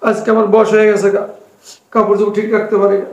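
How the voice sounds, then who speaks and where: A man's voice: sits high, flat delivery, fast, a little mellow, close to an everyday voice. An actor playing an old widowed father who pleads with his son not to throw him out. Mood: pleading. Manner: pleading, plaintive. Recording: echoey room.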